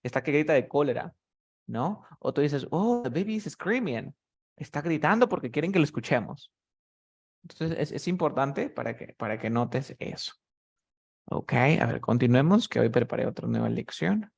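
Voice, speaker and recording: A man's voice: mid-range voice, animated, moderate pace, gravelly. A man teaching English vocabulary in a tutoring session, explaining words patiently step by step.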